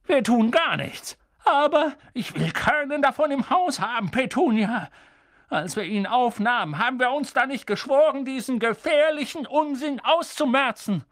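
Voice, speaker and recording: Casting: blustering, shouting middle-aged uncle, loud and strained high, voiced by the reader. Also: huge pitch swings, slow pace, pauses often, dry recording, studio quality, heavily acted. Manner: barking, blustering.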